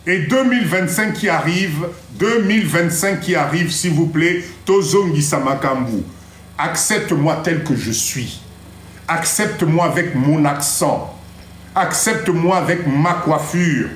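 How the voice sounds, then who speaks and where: A man with a fairly high voice hosts a motivational live stream. He talks in an animated way, drops into Lingala, and mimics other people. The sound is roomy and echoey. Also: measured pace. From Congo-Kinshasa. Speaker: live stream host giving motivational advice.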